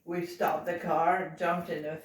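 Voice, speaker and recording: A very old woman in her nineties from Belgium, recalling her past informally and haltingly as she searches for words. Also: lowish voice, level tone. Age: 90s. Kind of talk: informal oral reminiscence. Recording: roomy home recording, distant mic, faint noise.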